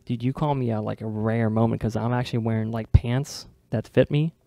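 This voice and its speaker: A young man talks fast, with a gravelly, mellow voice, as host of a casual podcast. His chat is loose and friendly, full of filler words. The sound is dry and close. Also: mid-range voice, fairly even intonation, dry recording. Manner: fast, chatty, loose with many likes and dudes.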